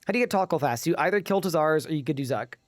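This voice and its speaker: A man's voice: fairly high pitch, expressive, very fast, no echo, clean studio sound. A sleep-deprived man streaming a game live, chatting casually and reading his chat aloud.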